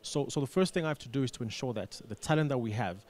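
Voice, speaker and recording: A man with a medium-pitched, somewhat dark voice answers interview questions conversationally as a studio guest. He is a radio business manager, and he tends to repeat words and add halting emphasis as he builds toward his point.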